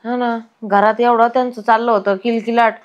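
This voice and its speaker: A woman's voice: fairly high pitch, little pitch movement, moderate pace, lo-fi sound. A woman, chatting worriedly as a daughter-in-law in a village sketch. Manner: chatty, worried, rustic dialect. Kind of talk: village comedy sketch acting.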